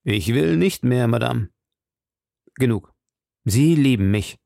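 A man's voice: mid-range voice, lively intonation, slow, vocal fry, warm tone, no echo, clean studio sound. A man reading an audiobook, voicing a fatalistic, lovesick duke with earnest devotion. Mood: ardent.

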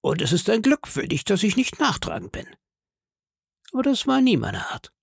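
A cunning older pirate chief snarls and mocks his men in a raised, gravelly voice, as a male reader puts him on. The sound is dry and close, with no room around it. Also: high-pitched, huge pitch swings, normal speed, no room sound, voice pushed up, full character voice. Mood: mocking. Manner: scornful, threatening.

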